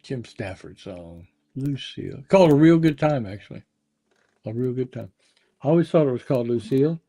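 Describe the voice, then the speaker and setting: A man's voice: medium pitch, normal speed. A man playing guitar who chats loosely between songs, thinking aloud about what to play next. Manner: relaxed, rambling, thinking aloud. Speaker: singer-guitarist. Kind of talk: casual talk between songs.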